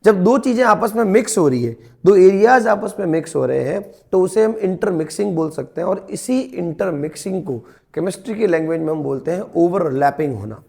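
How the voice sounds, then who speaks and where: A male chemistry teacher, lecturing in a mix of Hindi and English. He asks questions and answers them himself, and he reads definitions slowly. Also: sits high, expressive, vocal fry, a little mellow. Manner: explains step by step, asks and answers his own questions.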